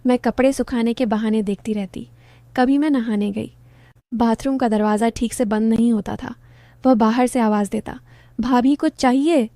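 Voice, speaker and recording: A woman tells a first-person story in a soft, low-key voice. Her pitch sits fairly high, but her tone is mellow and warm. The recording is close and dry, with no room sound. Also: fairly even intonation, moderate pace, no room sound.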